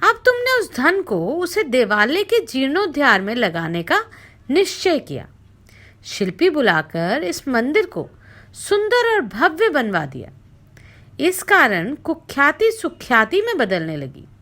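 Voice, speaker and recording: Lively bright-voiced woman storyteller. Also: measured pace. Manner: expressive recitation, dips low for the sage's address. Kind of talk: reading a scripture story aloud.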